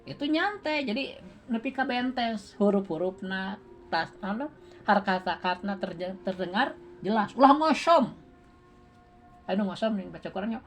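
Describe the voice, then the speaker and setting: A woman with a Sundanese-tinged Indonesian accent teaches Quran recitation in a classroom, quizzing her students, counting beats aloud and laughing often. Her voice is medium-pitched at normal speed, with a little hiss or hum.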